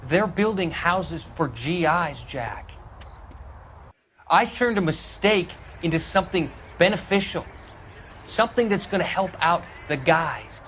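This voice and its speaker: A man's voice: high-pitched, expressive, a little slow, a bit bright, a little hiss or hum. A man playing a nervous, defensive American suspect who pleads naively, in a dramatic video game. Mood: defensive, earnest.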